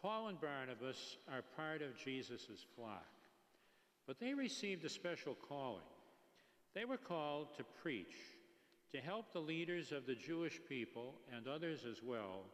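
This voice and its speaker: An older man in his seventies or beyond gives a conversational homily as a priest, informal and halting, in a large echoing church. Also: on the high side, very animated, a bit bright. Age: 70s or older. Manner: informal, anecdotal, halting and rambling. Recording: long church reverb.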